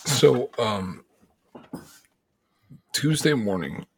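A man's voice: mid-range voice, animated, extremely slow. A man co-hosting a podcast in casual chat, rambling with lots of fillers and easy laughter. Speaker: podcast co-host.

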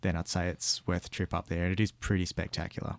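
A man with a deep voice and a broad Australian accent talks in an easygoing, colloquial way. He gives casual travel advice, and the recording is dry with very little room sound. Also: flat delivery, quick pace, creaky, no echo. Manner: laid-back, colloquial. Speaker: guest recounting an outback road trip.

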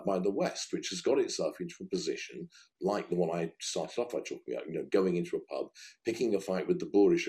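A middle-aged man speaks in a low, mellow voice as a guest on a panel discussion. His delivery is measured and emphatic, with pitch that rises and falls widely as he builds his case. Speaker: guest commentator.

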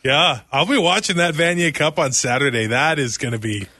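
A man co-hosting a sports podcast, excitable and laughing often, nearly losing his voice. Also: fairly high pitch, normal speed, no echo. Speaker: podcast co-host. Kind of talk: casual sports chat.

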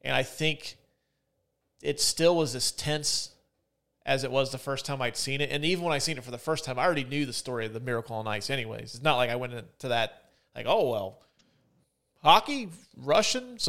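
A man's voice: mid-range voice, steady tone, quick pace, a bit bright, smooth. A man hosting a podcast, chatting casually in a loose, profane way and often dropping into mock voices. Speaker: podcast host. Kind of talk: casual chat.

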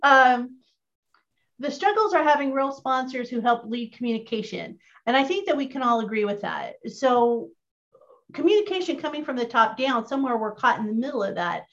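Upbeat and talkative, a woman whose voice is a little high and fairly bright hosts a casual training chat online. She regularly questions her audience, and the video call audio comes through muffled and lo-fi.

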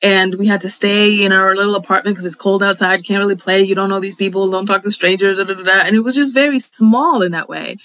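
A middle-aged guest from the Dominican Republic reflects in a conversational interview, articulate and thoughtful but full of fillers and restarts. Her mid-range, slightly bright voice moves fast with fairly even intonation and hardly any pauses, over poor audio with a little hiss or hum.

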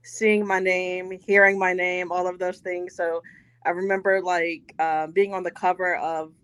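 A woman's voice: fairly low pitch, flat delivery, measured pace, a bit bright, smooth, no room sound. A woman talking in a casual, chatty way about her school days. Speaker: co-host. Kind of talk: casual chat.

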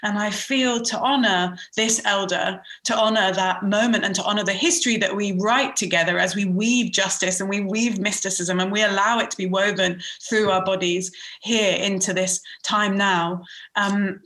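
Woman workshop leader, soft and reverent, meandering, moves into chant; roomy echo. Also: mid-range voice, fairly even intonation, moderate pace. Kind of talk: spoken guidance with wordless chant.

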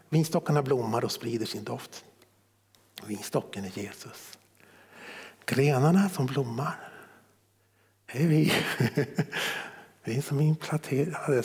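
A man preaching a sermon, reading scripture slowly, dropping to hushed whispers and then rising sharply for emphasis. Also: medium pitch, big-room sound. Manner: swings from hushed whispers to sudden emphatic rises.

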